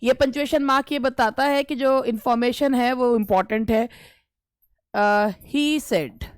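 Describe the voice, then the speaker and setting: A woman teaching an English grammar lesson for exam preparation. She reads questions out slowly, explains them quickly, and answers her own questions, with an Indian accent. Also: fairly high pitch, smooth, no echo.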